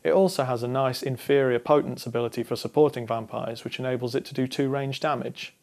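A man's voice: mid-range voice, steady tone, a little mellow. Young man explaining card strategy. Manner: measured, instructive delivery to camera. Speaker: card game presenter. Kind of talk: scripted explainer. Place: studio against a dark backdrop.

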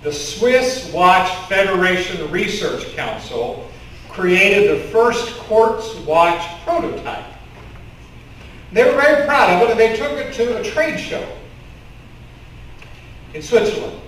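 A middle-aged pastor with a Kentucky accent preaches to his congregation in front of a curtain in a church sanctuary, telling stories conversationally and gesturing with open hands. His high voice is expressive, slow, a bit bright, with frequent pauses. Filmed from the congregation using a stand mic and headset mic, the sound is echoey and distant with slight background noise.

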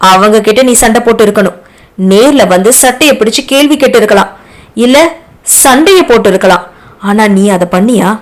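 A woman's voice: mid-range voice, close to an everyday voice. A woman voicing a young man who speaks harshly and scornfully. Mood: angry.

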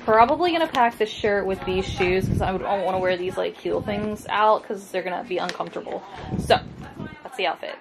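A young woman in her twenties vlogs upbeat to a handheld camera, chatting casually with lots of "like"s and "um"s across a hotel room, a cafe and a thrift store. Her mid-range voice is fairly quick with vocal fry, and the camera mic picks up background noise.

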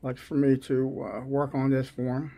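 A man with a New York accent chatting casually as he unboxes a package, halting often with fillers while sucking a lozenge. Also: mid-range voice, creaky. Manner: slow, halting, many uh fillers, relaxed. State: unwell, lozenge in mouth. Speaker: lock-picking channel host.

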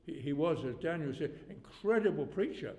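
A man's voice: on the high side, animated, moderate pace, warm tone. A man in his eighties preaching a sermon in a rambling, folksy way, his volume rising suddenly to make a point. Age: 80s. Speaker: pastor. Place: church hall. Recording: long church reverb.

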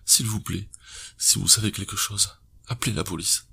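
A trembling, pleading husband with a husky, gravelly voice, pitched higher than the low reader's own, as a man puts him on. He begs in a shaky storybook tone. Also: completely flat delivery, normal speed, pushed and bright, exaggerated voice. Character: sobbing husband pleading for his missing wife.

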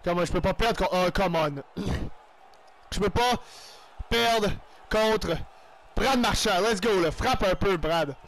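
A man with a Quebec French accent giving excitable play-by-play commentary on his own hockey video game, with loud outbursts and English exclamations. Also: sits high, takes it slowly, pauses often. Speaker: gaming YouTuber.

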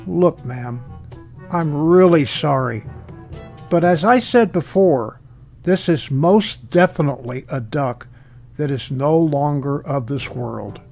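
A man voicing a weary veterinarian in a told joke, with a flat, resigned delivery. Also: on the high side, takes it slowly, creaky, soft background music, full character voice. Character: weary, deadpan male veterinarian.

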